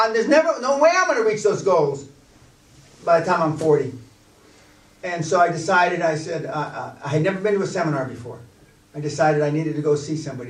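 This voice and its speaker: A man in his sixties leading a business coaching seminar, blunt and profane, telling animated stories to a room. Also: a little high, distant mic. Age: 60s. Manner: blunt, swearing, animated storyteller. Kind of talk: profane motivational seminar talk. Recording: echoey room heard from afar.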